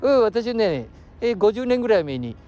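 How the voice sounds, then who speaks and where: A man's voice: high voice, big pitch swings, normal speed, dark tone. Rambling man in his sixties with a Nagoya dialect. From Aichi, Japan. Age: 60s. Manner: rambling, jumps between topics, chuckles often. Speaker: podcast host. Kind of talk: casual solo chat. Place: outdoors by the seashore.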